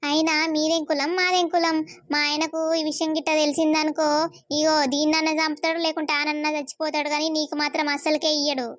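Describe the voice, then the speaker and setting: A woman's voice: sits high, little pitch movement, no room sound, lightly acted. A woman voicing an angry middle-aged village mother who scolds her daughter. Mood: scolding. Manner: scolding, reproachful, rapid. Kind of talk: cartoon voice acting.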